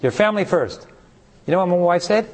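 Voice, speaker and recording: This man preaches a sermon with a high, brisk voice and lively intonation. He keeps putting rhetorical questions to the congregation and briefly acts out short voices for the people in his stories.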